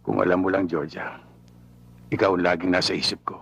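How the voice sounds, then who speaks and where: An actor playing a gruff, blunt man who courts a woman and suddenly proposes to her. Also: low voice, a bit bright, no echo, heavily acted. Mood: tender, low. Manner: gruff, blunt, quick to raise his voice. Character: gruff working man, gentlemanly but rough. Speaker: Delphine, a blunt suitor. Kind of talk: film drama acting.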